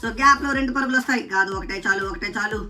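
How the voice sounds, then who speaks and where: A woman giving excited, casual play-by-play commentary on a cricket video game, exclaiming and repeating phrases. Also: fairly high pitch, racing, distant mic, faint music behind. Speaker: gaming commentator.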